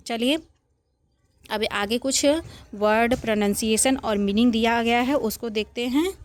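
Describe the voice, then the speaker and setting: A woman with an Indian accent, a Hindi speaker, teaching as an English tutor who spells each word letter by letter and then gives its meaning. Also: mid-range voice. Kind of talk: classroom lesson in word meanings.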